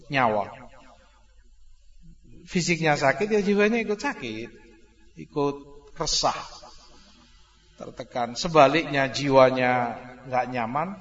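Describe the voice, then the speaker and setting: Man, religious lecture, slow deliberate delivery, short repeated phrases, muffled lo-fi hall recording. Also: a little high, a bit bright. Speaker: religious teacher. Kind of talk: recorded Islamic study lecture. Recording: dull lo-fi hall recording with long reverb.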